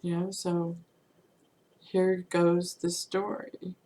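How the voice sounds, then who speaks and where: A woman's voice: on the low side, flat delivery, extremely slow, mellow, slight background noise, rough recording. A woman teaching manifestation through casual, chatty storytelling, often saying "you know" and laughing lightly.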